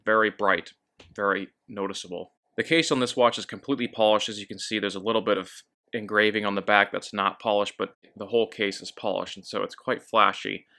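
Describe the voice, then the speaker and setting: A man giving a casual watch review, talking in a relaxed way with fillers and self-corrections. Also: lowish voice, a little fast.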